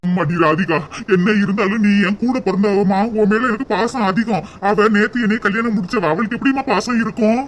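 A man voicing a soft-hearted, doting older brother in a cartoon, pleading and sentimental. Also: high voice, a little fast, hardly any pauses, slight background noise, lightly acted. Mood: tender.

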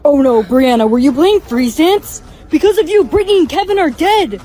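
A woman's voice: high-pitched, animated, normal speed, mellow. A woman acting out a comedy skit with a dramatic, exaggerated delivery.

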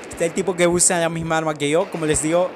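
A young man giving casual commentary over his mobile shooter gameplay, chatting to his viewers and bursting into shouts and laughs. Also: a little high, steady tone, fast, background noise. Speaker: gaming channel host. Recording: loud game music behind voice.

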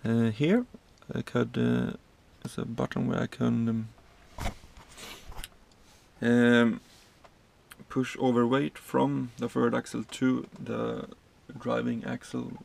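A thirtysomething truck driver from Sweden gives an informal tour of his cab, halting through the controls with many fillers and restarts. He speaks at medium pitch with flat delivery, a gravelly, darkish tone, and a little hiss or hum in the audio.

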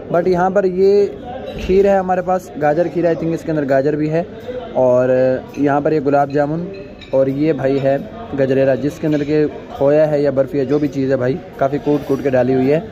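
In a muffled recording, a young man's slightly high, steady voice comes through at normal speed as he informally reviews food, his Pakistani-accented speech mixed with English words. Busy restaurant chatter rings loudly in the large indoor space.

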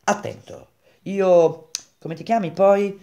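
A man's voice: mid-range voice, a little slow, darkish tone, lo-fi sound, lightly acted. A man reading a novel aloud, voicing an aging, blustering male perfumer who mocks and lectures. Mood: stern, lecturing. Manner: mocking, bellowing.

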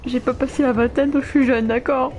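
Faint music plays behind a nineteen-year-old streamer as she jokes around with viewers during live gameplay, playful and quick to get flustered. Her high voice is brisk and a little mellow, with fairly even intonation.

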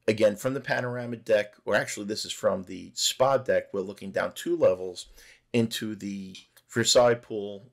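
A middle-aged man giving a relaxed, conversational voice-over narration for a cruise ship tour vlog. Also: lowish voice. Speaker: travel vlogger.

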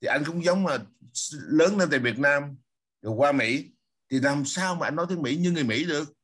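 A man's voice: on the high side, fairly bright tone. A man hosting a casual political talk, emphatic and asking himself questions he then answers. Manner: emphatic, asks and answers his own questions.

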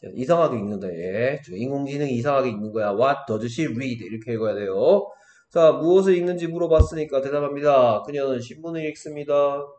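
A man's voice: mid-range voice, animated, fast talker, a little mellow, echoey room, lo-fi sound. A man tutoring English, checking often that his pupil follows. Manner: coaxing teacher, many check questions. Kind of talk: one-on-one English lesson in Korean.

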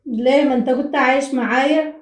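A woman's voice: high-pitched, fairly even intonation, quick pace, echoey room. A woman with an Egyptian Arabic accent, scolding her husband and sounding upset and tearful. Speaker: wife in a prank vlog.

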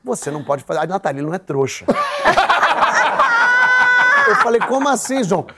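A Brazilian man in his forties, hosting a talk show, narrates a funny mishap with lots of energy. His voice sits fairly high, and he slips in brief impressions of the people in the story. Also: normal speed, creaky, heavy background noise. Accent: Brazilian Portuguese. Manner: animated anecdote telling with voiced characters. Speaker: host.

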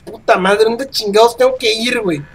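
High-pitched Mexican gamer shrieking in panic. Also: male voice, normal speed. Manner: shrieks in panic and swears constantly. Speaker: gaming youtuber. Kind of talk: horror gameplay commentary.

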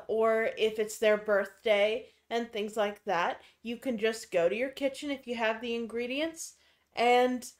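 Higher-voiced woman explaining game tips. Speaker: co-host giving game tips. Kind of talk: casual explanatory game commentary.

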